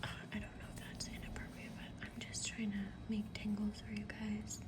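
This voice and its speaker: A woman speaking in a soft, breathy whisper in a casual ASMR chit-chat, halting as she goes. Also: mid-range voice, monotone. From Mohawk First Nation reserve in North America. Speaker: ASMR creator. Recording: clear background noise, pencil drawing sounds. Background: writing or drawing sounds, ambient noise.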